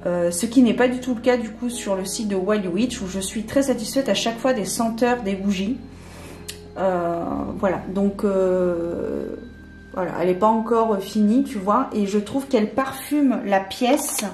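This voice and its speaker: During a candle unboxing, a woman chats casually, hesitant and full of fillers and restarts. Her voice is medium in pitch, a little slow and slightly mellow. The room is echoey, with faint music playing.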